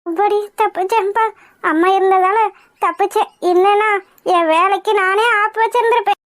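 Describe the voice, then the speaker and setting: Nervous cartoon nanny: a woman does a young servant girl, anxious and pleading, pitched very high. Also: steady tone, moderate pace. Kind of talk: village cartoon voice acting.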